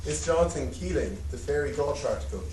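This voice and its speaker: A man's voice: on the high side, animated, fairly quick, lightly acted. A man playing a sneering, disdainful commentator in an amateur pantomime. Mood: knowing. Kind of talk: amateur pantomime stage acting. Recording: echoey hall, far mic, loud noise.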